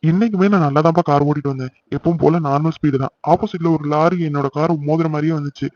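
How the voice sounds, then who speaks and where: A man voicing an injured young husband who reassures his family and brushes off their worry, in an amateur animated serial. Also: a little high, fast talker, no room sound, muffled recording, lightly acted. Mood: explaining.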